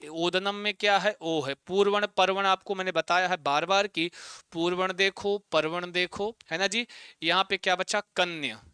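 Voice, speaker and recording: Male Sanskrit tutor, fairly high bright voice, crisp and dry, constant "got it?" check-ins, spells out syllables slowly. Online exam-prep lesson. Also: steady tone, no echo. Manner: drills students with repeated questions and tag checks. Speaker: Sanskrit teacher.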